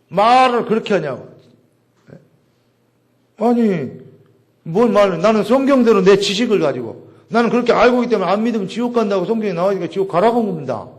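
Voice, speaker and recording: A man preaching a sermon in a chatty, animated way, acting out little exchanges with people. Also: high voice. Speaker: pastor.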